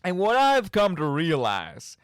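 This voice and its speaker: He has a high, clean voice and talks a little slowly while hosting a radio show on his own, rambling about video games. Expect animated delivery, theatrical mock outbursts and side comments, all in studio quality with no room sound.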